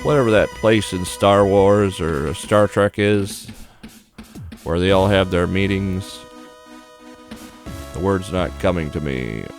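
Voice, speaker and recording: This time the man speaks slowly in a low-pitched voice, pausing often. He narrates the playthrough in an easygoing, plainspoken style and reads on-screen story text, backed by game music.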